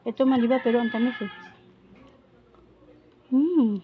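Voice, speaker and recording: A Filipino food vlogger chats casually with her viewers while she prepares and eats food, her speech shaped by missing upper front teeth. Her medium-pitched voice is flat and measured, captured with phone-quality sound. It's a noisy home recording, with chickens and roosters crowing in the background.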